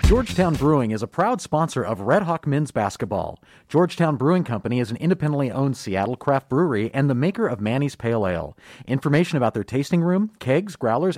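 A man reading a sponsor announcement in a lively announcer manner. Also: medium pitch, brisk, no room sound, clean studio sound.

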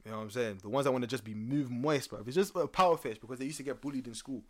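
A man's voice: medium pitch, rapid-fire. A man in his early twenties with a London roadman accent, telling stories in casual street slang and repeating phrases for emphasis. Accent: London roadman, multicultural London English. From London, born in or brought from Nigeria. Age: early 20s. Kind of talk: casual chat, animated storytelling.

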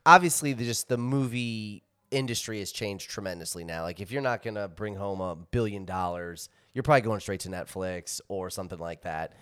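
A man's voice: lowish voice, brisk, hardly any pauses, fairly bright tone, smooth, dry recording, clean studio sound. A man and father co-hosting a casual podcast, musing at length and laughing mid-sentence. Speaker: podcast co-host. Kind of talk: casual chat.

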